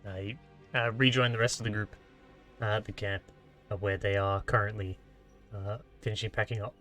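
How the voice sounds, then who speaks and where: An Australian man narrating a tabletop game as game master, casual and halting as he improvises. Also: fairly low pitch, little pitch movement, fairly bright tone, soft background music.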